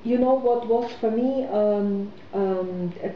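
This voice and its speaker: A woman's voice: mid-range voice, takes it slowly, a little hiss or hum. Woman, hesitant, roomy sound. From Austria. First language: German. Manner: hesitant, many fillers and restarts. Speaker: interviewee, businesswoman. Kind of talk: conversational interview. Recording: roomy, slightly muffled recording.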